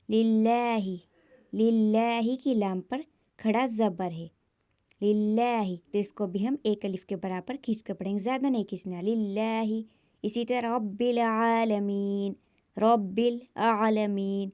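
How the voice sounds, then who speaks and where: A woman with a Pakistani Urdu accent gives a step-by-step recitation lesson at a middle pitch. She stretches each example word slowly and repeats every rule patiently. The sound is dry and close, with no room around it. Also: dark tone, no room sound. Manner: slow, drawn-out example words, repeats rules patiently. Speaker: Quran recitation teacher.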